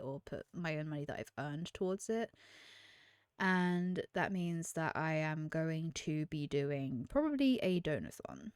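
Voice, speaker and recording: A woman in her 20s with a deep voice chats candidly to camera as a streamer, often trailing off and starting over. The casual recording is studio quality with no room sound.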